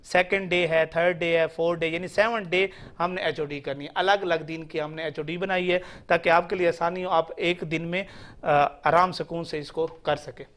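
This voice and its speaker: A man's voice: a little high, fairly even intonation, a bit bright. A man teaching an online math class, talking students through the lesson plan and restating his points.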